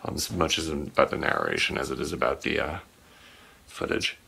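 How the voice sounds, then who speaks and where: Man in his forties, very deep, gravelly, husky, sleepy midnight tone, rambling home tour, lots of ums. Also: sing-song, brisk, pushed and bright. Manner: low sleepy late-night voice, many ums and uhs. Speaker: channel host giving a room tour. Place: home game and art room, indoors.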